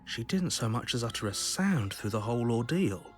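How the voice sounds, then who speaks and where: An actor playing a stern, disapproving narrator in a video game, telling the tale gravely with exasperation. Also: male voice, mid-range voice, big pitch swings, moderate pace, faint music behind, lightly acted. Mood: reluctant, grave.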